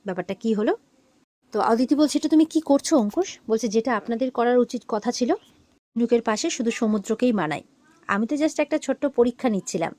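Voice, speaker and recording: A woman's voice: a little high, darkish tone, dry recording. A woman casually retelling a TV serial episode, quoting the characters' lines and filling in with "mane" and "iye". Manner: retells scenes quoting characters, frequent fillers. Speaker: serial recap narrator. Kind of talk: casual storytelling recap.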